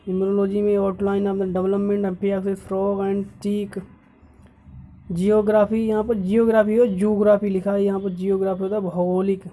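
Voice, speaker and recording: Going through an exam syllabus one topic at a time, a YouTube teacher pauses to correct the errors she or he finds in it. The voice is mid-range and warm.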